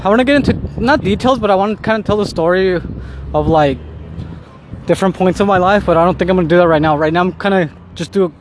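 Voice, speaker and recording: Walking home outdoors, a man in his thirties who was born in Mexico and grew up in Southern California vlogs a casual monologue, speaking fast in a high voice. He rambles, fills pauses, restarts and pokes fun at himself, with faint traffic and street sounds in the background.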